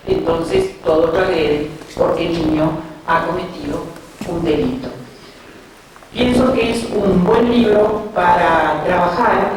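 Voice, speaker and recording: Woman lecturing in a very echoey room. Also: on the low side. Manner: unhurried storytelling with small hesitations. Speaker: speaker giving a talk. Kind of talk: lecture retelling children's picture books. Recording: very echoey room, distant mic, background noise.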